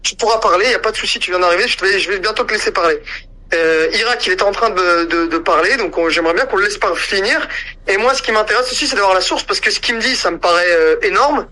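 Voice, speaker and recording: A man moderates a heated online audio debate, talking quickly and stumbling over fillers as he tries to keep order. His voice is high and very bright. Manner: hesitant, full of fillers, keeps order.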